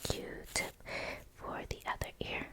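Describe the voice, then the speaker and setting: A woman in a whispered role-play, whispering a secret as a gossipy ear-cleaning attendant confiding in a client. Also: takes it slowly. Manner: whispering a secret, hushed and conspiratorial. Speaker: ASMR performer.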